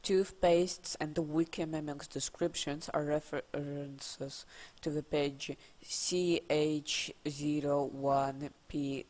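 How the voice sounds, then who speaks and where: In a slow, medium-pitched voice, someone with a Russian accent narrates scripted game trivia for a video. The delivery is dry and deadpan, with casual asides.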